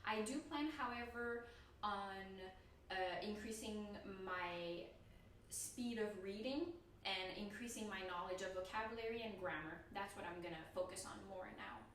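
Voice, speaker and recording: A woman's voice: medium pitch, normal speed, fairly bright tone, very echoey, distant mic, a little hiss or hum. A woman vlogger talking casually about learning to pronounce a language, laughing often and restarting her sentences; her first language is an Indo-European one. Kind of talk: casual talk to camera.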